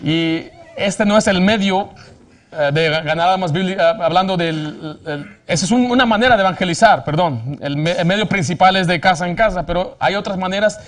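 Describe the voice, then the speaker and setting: A man's voice: high voice, normal speed, fairly bright tone. A man preaching a sermon fervently, asking rhetorical questions and often restarting his phrases. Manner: frequent restarts and self-corrections.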